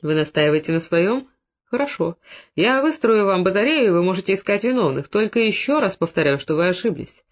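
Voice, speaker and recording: A man voicing a shrewd older army colonel who speaks calmly and commandingly with a dry mocking edge. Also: sits high, brisk, lo-fi sound. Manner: calm, commanding, mildly mocking.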